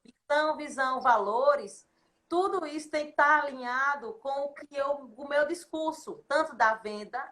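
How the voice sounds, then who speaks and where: A woman's voice: high-pitched, moderate pace, sharp tone. A woman, a consultant guest explaining her points in a didactic, list-like way on a podcast. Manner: didactic, lists points in repeated phrases.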